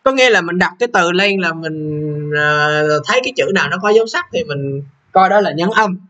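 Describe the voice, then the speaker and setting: A man's voice: high voice, lively intonation, brisk, bright, forceful tone, lo-fi sound. A young man, walking students through an English exam, repeating question numbers and checking they follow. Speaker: English teacher. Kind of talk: exam walkthrough lesson.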